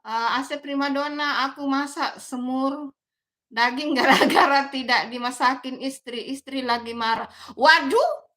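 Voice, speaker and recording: A woman in her fifties with a Makassar Indonesian accent hosts a casual phone livestream from her bedroom. Her voice sits high and sounds bright and forward. She reads out viewer comments in a chatty, motherly way and often laughs between remarks. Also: a little slow. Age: 50s. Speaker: livestream host. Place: bedroom at home.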